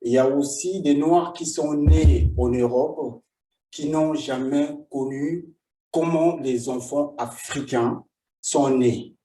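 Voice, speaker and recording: Slow, halting man in his forties. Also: on the high side, warm tone. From Republic of the Congo. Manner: halting, repeats himself, frequent hesitations. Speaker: vlogger. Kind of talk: personal storytelling vlog.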